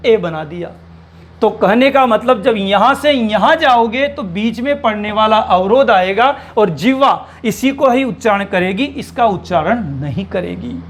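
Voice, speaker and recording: A man's voice: high voice, expressive. A man teaching Hindi grammar to exam students, explaining step by step and asking rhetorical questions as he goes. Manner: slows and stretches words when spelling out sounds. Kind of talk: blackboard lesson for exam students.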